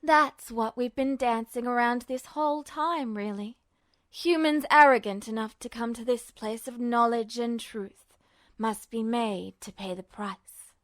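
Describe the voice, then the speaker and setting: A woman performs an inhuman, all-powerful entity from a fantasy audio story. It drawls with icy condescension and calm menace, taking its time over each taunt. The sound is dry and close. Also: fairly high pitch, no echo, natural voice. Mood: cold, taunting. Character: cold, mocking, smiling godlike entity, Truth. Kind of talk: audio fiction reading.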